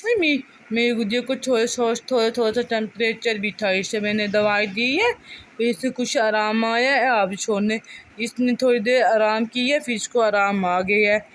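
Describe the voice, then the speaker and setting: High cooing young mother. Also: normal speed, a little hiss or hum. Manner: cooing sing-song baby talk. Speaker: mother talking to her baby. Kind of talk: baby talk to an infant.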